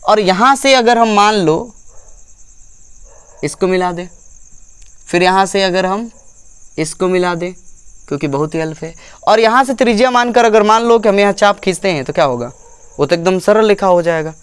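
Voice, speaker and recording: A man's voice: sits high, moderate pace, long pauses, clear, resonant tone, dry recording. A male physics teacher giving a classroom lecture, repeating phrases and checking often whether the class follows.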